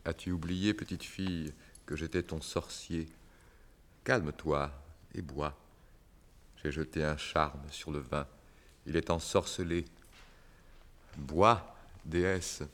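Sad male circus clown, very low voice, slow delivery, soft and bitter, 1960s radio drama. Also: steady tone, heavily acted. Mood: tender. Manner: soft, slow and deliberate, rising to bitter outbursts. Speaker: Celui.

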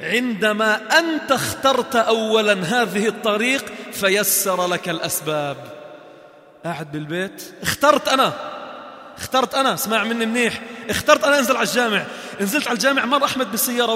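A man with a Levantine Arabic accent teaching a mosque class, lively, acting out little scenes and quizzing his students. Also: high-pitched, quick pace. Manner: animated, acts out little scenes and asks the class questions. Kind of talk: classroom religious lesson. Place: large echoey mosque hall. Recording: roomy hall reverb.

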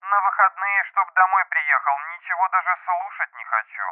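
A man's voice: high-pitched, brisk, clean tone, dry recording, voice pushed up. A man voicing a bossy, worried older sister who speaks through a telephone, scolding and insistent. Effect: telephone filter. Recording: tinny phone line.

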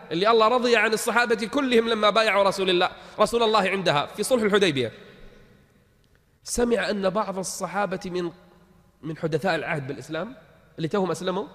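High-voiced male preacher in a reverberant hall. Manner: dramatic, swings between loud exclamations and hushed tones. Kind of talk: storytelling sermon.

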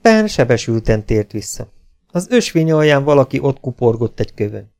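A man narrating an adventure novel as an audiobook, in a measured, dramatic reading. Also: medium pitch, very animated, gravelly, darkish tone. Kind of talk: scripted narration.

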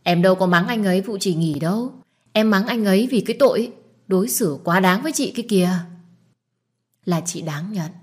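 A woman's voice: lowish voice, darkish tone, slightly rough. A woman voicing a nosy, blunt young woman who pesters and scolds in an audiobook. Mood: indignant. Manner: pushy, quick to scold. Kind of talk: audiobook dialogue.

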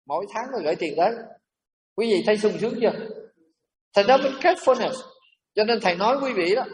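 A man preaching as a Buddhist monk, emphatic and animated, dropping in English and French terms. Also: high voice, distant mic. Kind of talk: sermon to a congregation.

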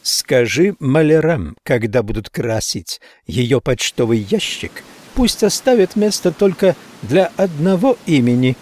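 Audiobook bit part: man playing gleeful bossy buddy, slow drawl. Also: a little high, big pitch swings, darkish tone.

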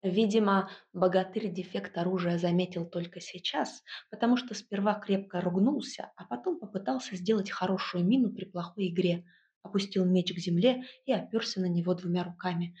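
A woman reading a first-person audiobook in a wry, lively storytelling manner. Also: lowish voice, moderate pace, highs cut off. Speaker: audiobook narrator.

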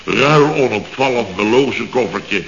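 A blustering, boastful firm boss, played by an actor in a 1960s radio comedy, exasperatedly relates his mishaps and keeps exclaiming. The man's mid-range voice is animated, unhurried, creaky, and fairly bright, captured in a reverberant lo-fi old radio recording with slight background noise.

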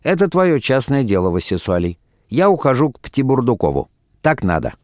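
A man's voice: mid-range voice, sing-song, moderate pace, darkish tone, dry recording, voice pushed up, lightly acted. Cold, curt wife in a storybook, dismissive and irritated, dry close sound, read by a man. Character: cold, cutting wife, adult woman. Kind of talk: audiobook reading.

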